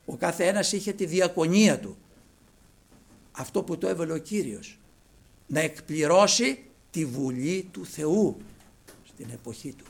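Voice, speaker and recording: A male preacher delivers a fervent sermon. His voice is somewhat high and gravelly with fry. He swings between hushed, low passages and loud, ringing exclamations. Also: lively intonation, long pauses. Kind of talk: sermon to a congregation.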